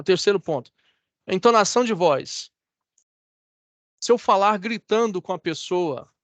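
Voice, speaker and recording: Brazilian male instructor, high voice, dry close mic, chatty online lecture with frequent check-ins. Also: a bit bright, dry recording. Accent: Brazilian Portuguese. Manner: conversational, checks in with students often. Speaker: course instructor. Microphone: video call.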